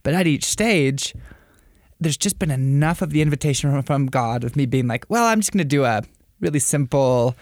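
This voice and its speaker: A man's voice: medium pitch, animated, normal speed, no room sound, studio quality. A man talking casually and earnestly about faith, acting out his own thoughts in a self-deprecating way.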